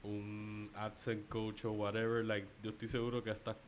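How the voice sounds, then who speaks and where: A man's voice: fairly low pitch, monotone, moderate pace, a little hiss or hum. A man with a Puerto Rican Spanish accent, co-hosting a casual podcast chat about films, dropping English words into his Spanish. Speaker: podcast co-host.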